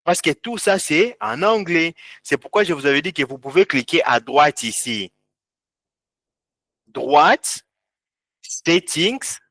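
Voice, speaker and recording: A man teaching a live online tech class over a computer mic. His voice sits slightly high, and the sound is dry with no room around it. He moves step by step, repeating words as he points things out on screen. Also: animated, takes it slowly, pauses often, a bit bright, dry recording. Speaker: instructor.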